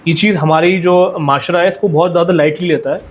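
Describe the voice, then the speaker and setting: Speaking in Hindi-Urdu sprinkled with English phrases, this young podcast guest talks earnestly and goes over his points repeatedly during the discussion. He has a steady tone and a fairly quick pace, his voice sitting on the high side.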